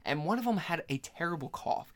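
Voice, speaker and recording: A man's voice: on the high side, expressive, fairly quick. A man in his mid-twenties co-hosting a podcast, telling a long rambling story, swearing freely and acting out what people said. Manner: rambling storyteller, profane, acts out quotes. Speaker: podcast co-host. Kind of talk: casual chat.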